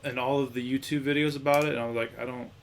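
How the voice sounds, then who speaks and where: A young man in his twenties with a mid-pitched voice, chatting as a podcast co-host. His delivery is relaxed and offhand, and he often lets sentences trail away. A faint hiss runs underneath. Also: very fast. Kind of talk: casual chat.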